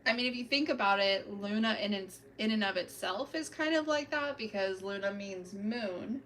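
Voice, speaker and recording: At a moderate pace and in a slightly bright, mid-range voice, a woman chats with her livestream audience while painting her nails at home. She narrates what she's doing step by step. She sits far from the mic.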